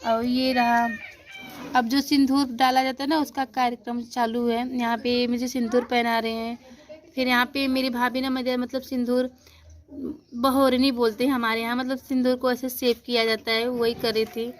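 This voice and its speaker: A woman's voice: fairly high pitch, little pitch movement, normal speed. A young woman chats casually at home while walking through a photo album. She explains each step with lots of fillers. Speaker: vlogger.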